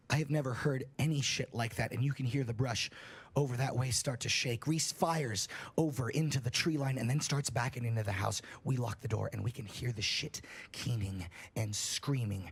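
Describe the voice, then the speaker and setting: A man's voice: creaky, breathy edge. A man on a livestream reading a horror story aloud in a casual, profane way, his voice rising at the tense parts. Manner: casual and profane, rises in pitch at tense moments.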